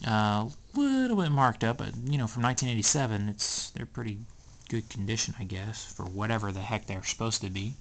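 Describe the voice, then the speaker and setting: A man's voice: fairly low pitch, animated, fairly quick. Rambling man showing off his collection. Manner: rambling, hesitant, many ums. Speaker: collector selling items. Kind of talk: casual show-and-tell. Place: indoors, small room at home.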